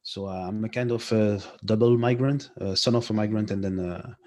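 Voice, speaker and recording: A low-pitched man in his thirties from Belgium talks as a guest over a video call from his home. He weighs his words, filling pauses with frequent ums and uhs, and sounds thoughtful. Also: mellow. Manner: hesitant, many fillers, thoughtful. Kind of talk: casual video-call interview. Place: home room.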